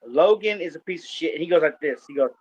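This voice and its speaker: A man's voice: a little high, lively intonation, quick pace, darkish tone. Rambling man telling a story. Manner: rambling storyteller, many fillers and restarts. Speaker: podcast co-host. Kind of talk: casual chat. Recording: dull lo-fi sound.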